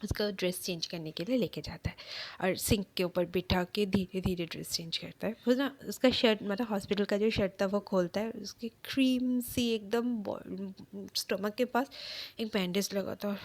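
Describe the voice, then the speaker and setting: A woman's voice: mid-range voice, normal speed, dry recording. A woman casually retelling a fan-fiction story in a chatty way, with fillers and self-corrections.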